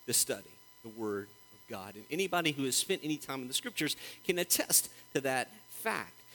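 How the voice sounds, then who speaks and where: A man preaching a sermon as pastor, reading scripture slowly and with emphasis, animated throughout. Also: a little high, poor audio.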